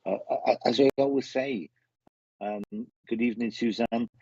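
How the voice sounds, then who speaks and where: Greeting viewers on his live online show, a medium with a Welsh accent rambles casually and tends to repeat himself. His medium-pitched voice is dark and breathy, with fairly even intonation and a moderate pace, heard through muffled, roomy stream audio.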